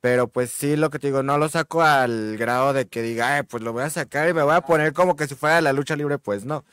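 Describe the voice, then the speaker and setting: A man with a Mexican accent chats easygoing and hesitant at a studio table microphone. His voice is smooth and resonant at a middling pitch. The sound is dry and close. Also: brisk, a bit bright, no room sound. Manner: easygoing, hesitant with many fillers. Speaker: masked wrestler guest. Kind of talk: casual podcast interview. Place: indoor studio set with a backdrop. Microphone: table microphone on a stand.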